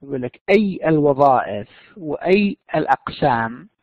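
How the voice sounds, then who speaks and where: A man's voice: a little high, very animated, normal speed, no room sound. A man teaching an English lesson, explaining in with frequent fillers. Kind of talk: bilingual classroom lesson. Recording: tinny phone-like dry sound.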